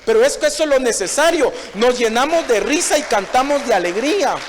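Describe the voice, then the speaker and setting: A man's voice: extremely high pitch, animated, brisk, noisy background. A man who is a pastor, preaching a sermon and repeatedly calling out to his listeners as brother, recorded in a church. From Honduras. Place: church hall. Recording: long church reverb.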